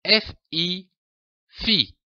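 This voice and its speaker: A man teaching a reading lesson, spelling out syllables slowly and clearly with emphatic delivery. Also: sits high, bright, forceful tone, dry recording, muffled recording. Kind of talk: slow, deliberate reading lesson.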